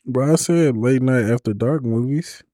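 A man's voice: medium pitch, normal speed, dark tone, no room sound, clean studio sound. A man bantering casually, with blunt, slangy and profane remarks.

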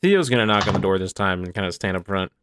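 A man's voice: deep voice, lively intonation, fast, heavy background noise. A man playing a tabletop game, talking casually and hesitantly with many fillers. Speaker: player.

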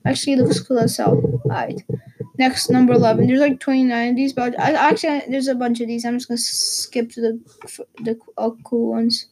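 A woman's voice: a little high, steady tone, fairly quick, a little mellow, a little hiss or hum, poor audio. A teenage girl from Portugal, vlogging in a casual, rambling way with lots of fillers and restarts. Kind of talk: casual chat.

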